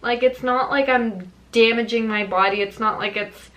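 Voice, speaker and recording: A young woman from Venezuela telling a casual storytime to her viewers, chatty and animated, laughing often and filling her talk with "like.". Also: a little high, moderate pace, rough recording. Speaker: vlogger.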